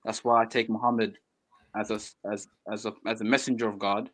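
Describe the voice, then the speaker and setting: A man's voice: on the low side, little pitch movement, brisk, fairly bright tone. A man calling into a live debate stream from a phone, earnest and a little hesitant, often restarting words. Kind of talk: casual debate chat. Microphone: phone mic.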